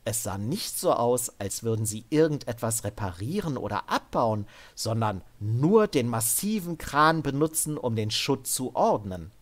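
A man's voice: medium pitch, sing-song, measured pace, hardly any pauses. A man narrating a translated adventure story, stopping now and then to add loose comments of his own. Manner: breaks off to add casual comments. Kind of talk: reading a translated story aloud.

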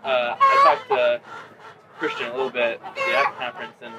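A man, a visiting farmer, asking quick conversational questions during an outdoor farm tour. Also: mid-range voice, fairly even intonation, very noisy.

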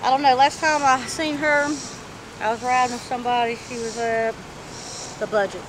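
A middle-aged woman chatting candidly in a street interview, animated and talkative, in an outdoor parking lot. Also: fairly high pitch, moderate pace. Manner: animated, chatty, acts out quoted voices. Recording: street noise in the background.

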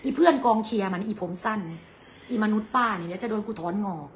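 A woman's voice: medium pitch, fast, slight background noise. A young woman with an Isan Thai accent, bluntly scolding her rivals on a livestream in crude, angry words.

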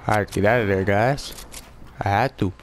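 A man's voice: fairly low pitch, brisk, slight background noise. Slangy young man narrating his gameplay. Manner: slangy, swears, frustrated outbursts. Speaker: gaming YouTuber. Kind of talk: casual gameplay commentary.

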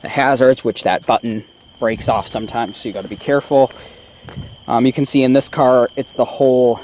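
Recorded with a handheld camera mic around his parked car, a young man shows off his car in a casual vlog, rambling and saying um a lot. He speaks at medium pitch with a slightly mellow voice, and there is slight background noise.

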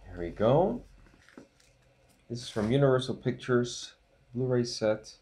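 A man in his thirties hosting a casual unboxing vlog, reading titles off with small relaxed asides. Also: medium pitch, a little slow, a little hiss or hum. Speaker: channel host unboxing a disc set.

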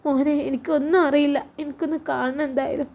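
A woman voicing a sorrowful elderly mother who pleads softly, in a Malappuram Malayalam accent. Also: high-pitched, fairly even intonation, fast. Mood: pleading.

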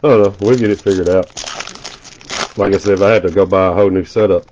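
A congested man with a deep, slightly mellow voice opens trading card packs at a table in an indoor room, giving casual live commentary. He talks quickly in a fairly even tone, rattling off player names with chatty asides; the audio is dull with a little hiss or hum.

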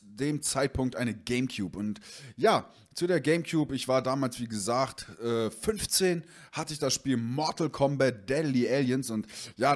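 A young man tells a funny story to his camera in a loose, rambling way. He uses lots of fillers and acts out the back-and-forth. His voice sits at an ordinary pitch. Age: young adult. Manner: rambling with fillers, reenacts dialogue. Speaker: vlogger. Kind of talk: casual storytelling.

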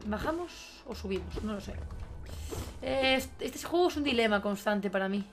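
A young woman with a Spain Spanish accent giving live gameplay commentary, excitable and exclamatory, swearing often. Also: medium pitch, normal speed. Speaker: game streamer. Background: faint game music.

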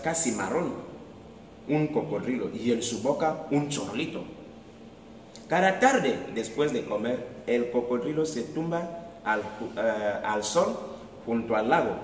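A man reading a children's tale aloud in a library hall, slow and expressive. His voice sits at an ordinary pitch and takes its time. The recording is echoey and distant, with a long reverb tail and a faint room hum. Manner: slow, animated storytelling with many voices. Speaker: storyteller. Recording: echoey hall, mic far off.

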